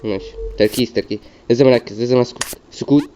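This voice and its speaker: Soft music plays in the background as a young gamer with an Egyptian Arabic accent races through his commentary in a warm, medium-pitched voice, muttering repeated self-coaching. It's recorded on a dull lo-fi mic with faint noise.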